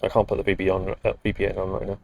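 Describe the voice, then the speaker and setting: A man's voice: deep voice, monotone, very fast, vocal fry, a little mellow, no echo. A British man from the UK chatting casually while live-streaming a game, rambling with dry, muttered asides. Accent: British English. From United Kingdom.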